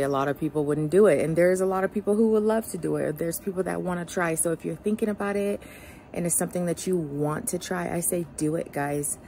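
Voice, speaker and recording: A woman's voice: deep voice, slight background noise. A woman vlogger talking casually and sincerely to her followers while sitting in an ice bath. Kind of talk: casual, heartfelt talk to camera.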